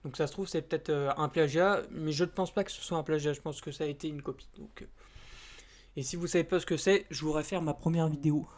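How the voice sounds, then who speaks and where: A man's voice: fairly high pitch, steady tone, fast. A man chatting casually to camera as a YouTuber. He rambles and hesitates, with many fillers and restarts, in informal, slightly crude speech.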